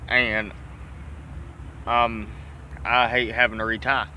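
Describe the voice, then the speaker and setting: A man's voice: mid-range voice, flat delivery, takes it slowly, bright, forceful tone, a little hiss or hum. A man with a Southern US accent chats casually and folksily, with mild swearing, as he talks around a dip of chewing tobacco. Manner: folksy, mildly profane. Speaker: fishing vlogger. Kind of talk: casual rambling chat to camera.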